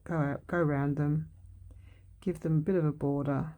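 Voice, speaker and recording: This woman has a low, mellow voice with fairly even intonation and a moderate pace. She's making a collage for a craft video, talking casually while she works, pondering aloud, switching ideas and correcting herself.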